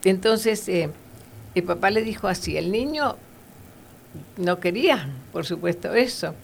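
A woman's voice: medium pitch, lively intonation, unhurried, creaky, a little hiss or hum. A woman giving earnest, conversational Bible teaching, with fillers and tag questions.

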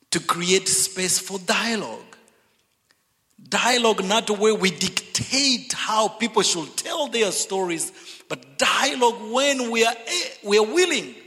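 Casting: Zambian-born man, fairly high voice, slow and earnest speaker, large reverberant sanctuary. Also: pushed and bright. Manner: earnest, deliberate, repeats words when building a point. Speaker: speaker at a church reconciliation event. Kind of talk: reflective speech to an audience. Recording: long hall reverb.

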